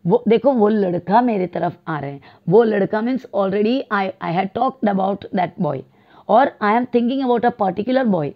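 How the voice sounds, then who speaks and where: A woman teaching a grammar lesson, explaining slowly and drawing out example words as she switches between two languages. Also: mid-range voice, lo-fi sound. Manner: slow, drawn-out explanations mixing Hindi and English. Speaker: English teacher.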